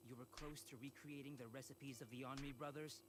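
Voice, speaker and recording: A man's voice: mid-range voice, steady tone, quick pace, noisy background, lightly acted. A man playing an earnest, polite young amateur investigator in a video game. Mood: firm. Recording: game audio with music underneath.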